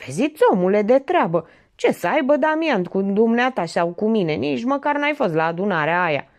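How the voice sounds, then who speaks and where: A woman's voice: medium pitch, animated, lightly acted. A woman voicing a smug, self-assured middle-aged barber who lectures as if he alone reasons, in an audiobook. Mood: reassuring. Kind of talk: audiobook character reading.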